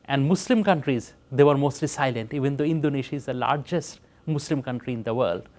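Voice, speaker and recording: A middle-aged man from Bangladesh, a professor speaking in an interview in an earnest, measured way with frequent pauses and fillers. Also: mid-range voice, a little mellow. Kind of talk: reflective interview talk.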